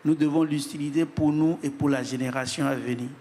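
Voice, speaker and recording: A man speaking as a panelist in measured, solemn remarks, pausing for his interpreter. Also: on the high side, steady tone, warm tone. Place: large hall at an event. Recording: reverberant hall, faint noise.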